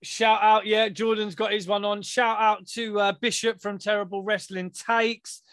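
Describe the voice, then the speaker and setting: A man's voice: high voice, level tone, normal speed, fairly bright tone, no echo. A man chatting casually on a podcast, sweary and full of street slang. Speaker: wrestling podcast co-host. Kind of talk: casual chat.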